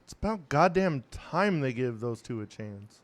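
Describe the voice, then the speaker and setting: Blunt, excitable male podcast co-host. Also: mid-range voice, measured pace. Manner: blunt, excitable bursts, profane. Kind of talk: casual chat.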